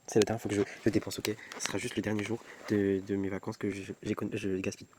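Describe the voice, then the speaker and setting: Speaking at a fast clip in a level, lowish voice that's a little mellow, this young vlogger rambles through a casual self-filmed phone video at home at night. He pokes fun at himself, frequently restarting and repeating words, and there's a slight hiss or hum in the recording.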